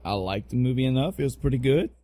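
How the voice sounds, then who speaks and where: A man in his thirties co-hosts a casual, opinionated podcast chat, blunt and joking, swearing freely and repeating phrases for emphasis. His voice is medium-pitched and warm, with lively intonation and a quick pace.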